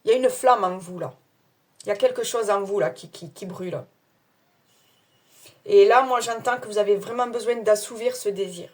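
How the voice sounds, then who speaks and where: A woman's voice: mid-range voice, normal speed, long pauses. A woman with her own accent, reading tarot cards to her viewers in a casual, hesitant way with many fillers. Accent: non-standard French accent. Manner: chatty, hesitant with many fillers, laughs at herself. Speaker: tarot card reader.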